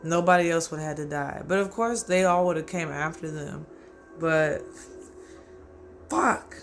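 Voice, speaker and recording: High-voiced man ranting about anime over music. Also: a little slow. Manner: rambling, profane, excitable, quotes himself. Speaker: anime reaction host. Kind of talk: casual solo anime commentary.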